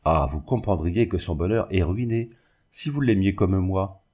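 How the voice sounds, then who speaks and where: A man's voice: low-pitched, moderate pace, mellow, husky. An older mother, anxious and tender, voiced by a man reading an audiobook, pleading earnestly.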